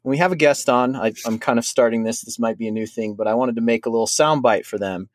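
A Minnesota man hosts a fantasy football podcast, chatting casually and rambling. He talks quickly in a medium-pitched voice, and the recording is dry.

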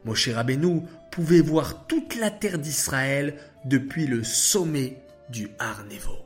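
A man telling a religious story to children, animated and asking the listeners questions. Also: medium pitch, slow, soft background music.

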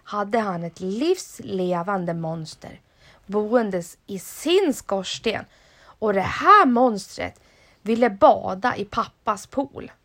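A woman reading a children's story aloud, lively and expressive. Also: medium pitch.

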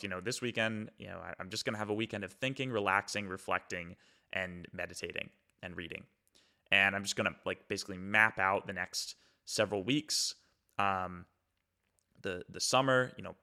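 A man's voice: lowish voice, vocal fry, bright, forceful tone. A young man hosting a podcast, talking through a casual motivational monologue in a loose, reflective way with many fillers and restarts. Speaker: podcast host.

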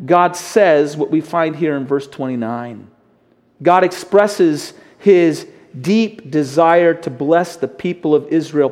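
A middle-aged man gives a radio Bible teaching in an earnest, unhurried way. His voice sits a little high for a man. He drives points home through repetition, sinking quiet, then rising again. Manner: earnest, repetitive emphasis, varies volume for stress.

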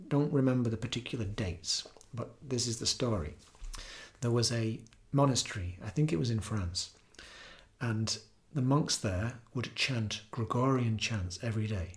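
A man teaching about kirtan, telling stories in an earnest, gentle way with frequent pauses and restarts. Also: mid-range voice. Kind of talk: reflective storytelling talk.

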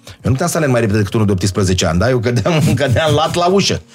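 Husky-voiced man telling stories animatedly. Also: faint music behind. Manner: animated, lively storytelling with sudden jumps in pitch. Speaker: guest storyteller. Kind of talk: casual chat.

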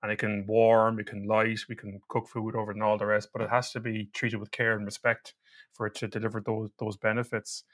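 A man's voice: fairly low pitch, monotone, a little fast, fairly bright tone. Irish man hosting a podcast. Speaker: podcast host.

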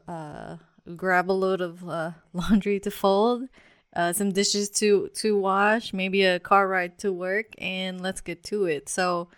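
Young woman host, low voice, unhurried, candid and chatty, dry close mic. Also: fairly bright tone, clean tone, no echo. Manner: chatty and candid, with frequent fillers and laughs. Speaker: podcast host. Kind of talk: casual solo podcast talk.

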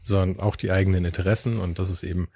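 A man's voice: sits low, fairly even intonation, quick pace, dark tone, slightly rough, no echo, clean studio sound. A man hosting a podcast, chatting and reflecting in a loose conversational way. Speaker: podcast host.

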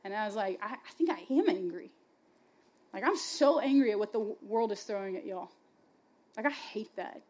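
A woman's voice: mid-range voice, lively intonation, normal speed, darkish tone. Passionate young woman giving a chatty sermon. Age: young adult. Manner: passionate, chatty, heavy use of "like" and "y'all". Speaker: speaker at a youth faith gathering. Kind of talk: conversational sermon.

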